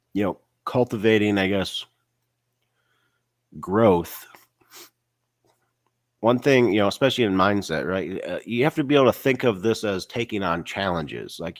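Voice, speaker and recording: An online business vlogger with a cold gives a casual, faith-based motivational talk, sounding stuffy and nasal. His voice is lowish, and the recording is studio quality with no echo. He fills his speech with "you know" and "right?".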